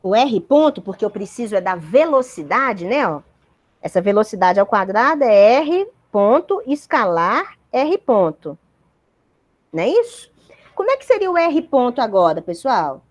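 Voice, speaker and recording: A woman's voice: a little high, big pitch swings, moderate pace, highs cut off. A woman giving a university physics lecture, explaining step by step and checking in with her students.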